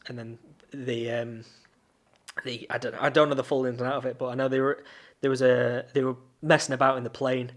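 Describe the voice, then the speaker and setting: A man co-hosting a podcast, telling stories in casual chat with lots of restarts and fillers. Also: medium pitch. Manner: rambling storyteller with many restarts. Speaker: podcast co-host.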